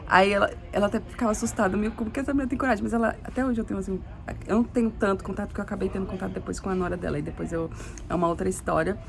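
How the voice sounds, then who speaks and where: A young adult Brazilian woman living in Sweden tells a personal story in a casual, rambling way, often restarting and tacking on tag questions. Her gravelly voice sits at medium pitch with fairly even intonation, and she talks very fast. She has a Brazilian Portuguese accent.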